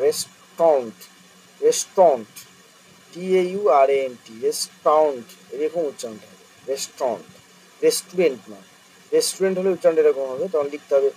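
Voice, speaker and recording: A man teaching an exam-prep spelling lesson, spelling English words out letter by letter and repeating them slowly for students. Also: fairly high pitch, mellow. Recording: distant mic with faint noise.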